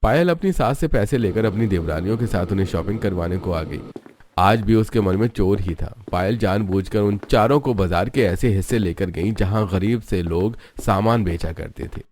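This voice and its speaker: A man narrating a cartoon story in an even storytelling way. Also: fairly low pitch, normal speed, slight background noise.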